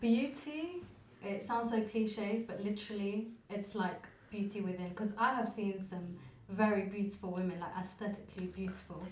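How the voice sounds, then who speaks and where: A woman's voice: medium pitch, moderate pace, few pauses, darkish tone. Woman chatting earnestly in a roomy space. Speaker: radio show guest. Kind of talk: casual chat, personal reflection. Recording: roomy, distant from mic.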